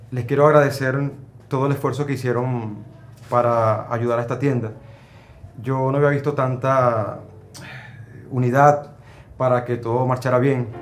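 A man's voice: medium pitch, close to an everyday voice. Man as remorseful shop owner, earnest, web drama. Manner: apologetic, earnest speech. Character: regretful male store owner. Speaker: store owner. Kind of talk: scripted web drama acting. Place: indoor clothing store.

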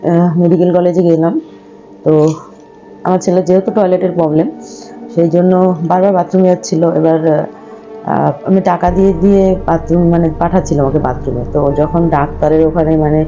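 A middle-aged woman with a feverish, hoarse throat talks chattily to her viewers as if they were friends. Her voice sits low and mellow. The sound is a little dull, with soft music playing underneath. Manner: chatty, addresses viewers as friends, coos at pets. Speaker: vlogger. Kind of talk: casual home vlog and story telling.

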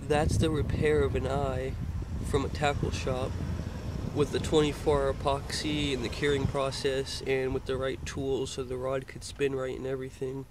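This is a young Floridian giving a rambling, filler-heavy tour of his fishing gear while sitting in a car. The phone in his hand points down at the gear and picks up a lot of noise, and his medium-pitched voice stays monotone at a normal speed.

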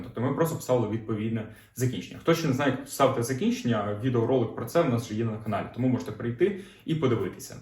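A man teaches German grammar in a calm, explanatory way, going over each point again and asking his learners questions. His voice sits at an ordinary middle pitch. The room gives it a noticeable echo. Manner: explanatory, repeats "знову ж таки", asks learners questions. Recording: roomy echo.

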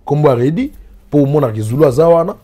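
Guy answering interview questions, kinda high voice but mellow, rambles on. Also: brisk. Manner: animated, rambling, switching between languages. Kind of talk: casual interview in Lingala mixed with French.

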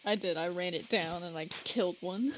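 A woman's voice: on the low side, moderate pace, a little hiss or hum, rough recording. A woman playing a survival game with a friend, tossing in dry, offhand jokes. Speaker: co-player. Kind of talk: casual let's-play chat.

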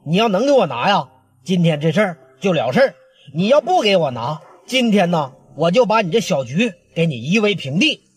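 Man putting on a gang boss, northeastern chinese accent, low measured threats, husky. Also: big pitch swings, dry recording, clean studio sound, full character voice. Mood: threatening. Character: gang boss, grown man, calm and menacing.

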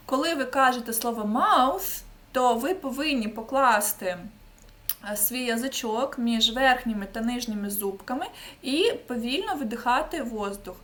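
Patient woman teaching pronunciation, fairly high. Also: a bit bright. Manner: patient, demonstrates sounds slowly, checks in with "okay?". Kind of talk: online pronunciation lesson.

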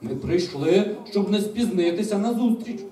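A dutiful old bearded dragon with a formal, soldierly way of speaking, as voiced by a man reading a storybook aloud. His tone is dark and mellow. The sound is echoey and distant. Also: high voice, lively intonation, normal speed, pitched above the performer's own voice. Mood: respectful. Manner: formal, respectful. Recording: echoey room, from far off.

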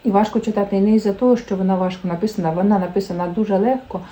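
Chatty woman book blogger, warm voice. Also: mid-range voice, steady tone, racing, low-quality recording. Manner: chatty, thinking aloud with fillers. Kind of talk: casual book vlog.

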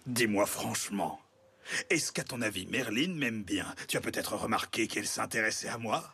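A man's voice: on the low side, animated, normal speed, bright, forceful tone, husky, heavily acted. Pompous, swooping proud strongman. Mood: lovesick, vain. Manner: pompous, mannered politeness. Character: proud, courtly strongman, lovesick and vain. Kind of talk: French anime dub.

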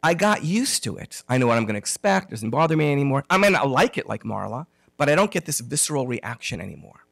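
A man giving a conference lecture on anxiety therapy, telling an animated personal story and acting out the dialogue with self-deprecating humor. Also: medium pitch, fast talker, vocal fry, few pauses, no echo, clean studio sound. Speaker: conference speaker on OCD therapy. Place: conference room.

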